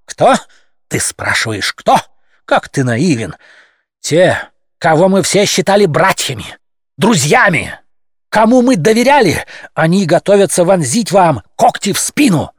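A fiery male cat demagogue, put on by a male audiobook reader, barking short, sharp accusations in a raised, strident voice. His pitch leaps and swoops with agitation, and the recording is close and dry. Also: big pitch swings, unhurried, breathy edge, no echo, heavily acted. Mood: accusing. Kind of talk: audiobook character voice.

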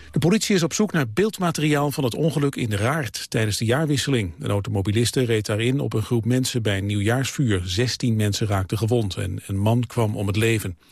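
A male newsreader reading the radio news in a steady, measured way. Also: fairly low pitch, no echo, clean studio sound. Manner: even, measured delivery. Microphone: studio microphone.

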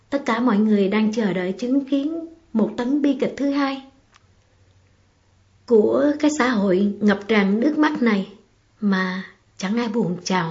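A woman narrating an audiobook in a measured, emotive reading. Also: on the high side, warm tone. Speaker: audiobook reader. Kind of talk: storybook narration. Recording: slightly muffled, faint music behind.

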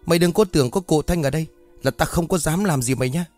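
A man voicing a loud, quarrelsome village woman who shouts insults in a ghost story. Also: mid-range voice, lively intonation, brisk, no echo, faint music behind, natural voice. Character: loud coarse village woman, quick-tempered.

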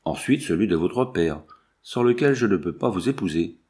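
A man reading the lines of a proud, sharp-tongued young English lady in a cool, ironic, measured way. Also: deep voice, animated.

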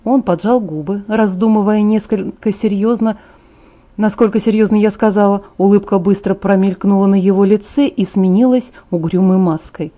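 A woman reads a novel aloud in the first person with a soft, mellow voice. She keeps a calm, even, unhurried pace as she tells the story. Her pitch sits in an ordinary middle range. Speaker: audiobook narrator.

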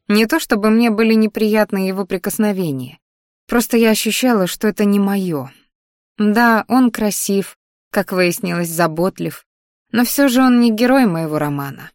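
A woman reading a novel aloud in measured storytelling narration. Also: mid-range voice, dry recording, clean studio sound. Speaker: audiobook narrator. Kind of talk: scripted narration.

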